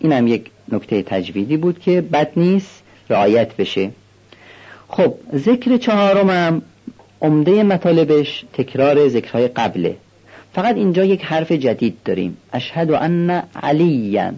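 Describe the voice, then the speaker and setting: Mellow-voiced man teaching recitation. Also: on the high side, big pitch swings, slightly rough, muffled recording. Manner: measured, slowing down to demonstrate pronunciation. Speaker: teacher of call-to-prayer recitation. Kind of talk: instructional explanation with recited examples.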